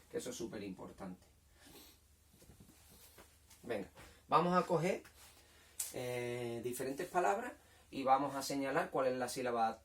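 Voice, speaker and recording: Male teacher, patient, repetitive, sounds out syllables slowly, mid pitch, slightly distant mic. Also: a little hiss or hum. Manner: patient, repeats points, checks with "¿vale?". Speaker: primary school teacher. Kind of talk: recorded language lesson for children.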